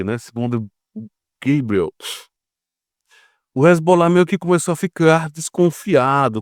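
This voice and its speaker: A Brazilian geopolitics commentator speaks in a fairly high, slightly mellow voice, recorded clean in a studio with no room sound. He explains things informally in Brazilian Portuguese, keeping it conversational with frequent rhetorical questions and short check-in tags.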